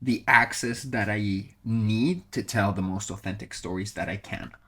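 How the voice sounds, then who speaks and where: A Colombian man who creates motorsport content chats casually in an interview, thoughtful and reflective, with lots of fillers and restarts. His voice sits on the low side and is a little slow, with a bright, forceful, slightly rough tone.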